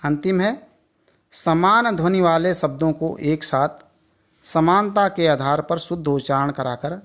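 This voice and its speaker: Slow, deliberate male Hindi lecturer. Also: a little high, fairly bright tone. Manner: measured, listing points one by one with pauses. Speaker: teacher educator. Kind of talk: slow lecture reading from notes.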